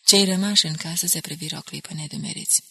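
A woman reading an audiobook in a measured, dramatic narration. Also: sits low, fairly even intonation, creaky, fairly bright tone, slightly rough.

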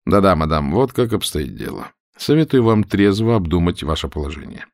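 A man playing a cold, calm pirate captain who speaks with mocking irony. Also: low voice, a little fast, vocal fry, no room sound, studio quality, full character voice.

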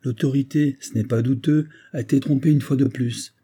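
A man's voice: mid-range voice, steady tone, moderate pace, dark tone, slightly rough, pitched above the performer's own voice, natural voice. A man voicing a loyal, reasoning engineer friend in an earnest tone.

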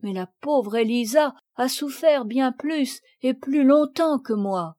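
A woman reading aloud and voicing an eager young girl who has been ill, with bright, pleading calls. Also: high voice, takes it slowly. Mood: earnest.

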